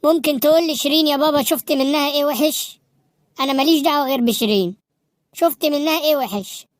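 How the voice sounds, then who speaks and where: A woman's voice: high-pitched, quick pace, natural voice. A woman voicing a stubborn young man in a cartoon, pleading and insisting with an Egyptian Arabic accent. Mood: insistent.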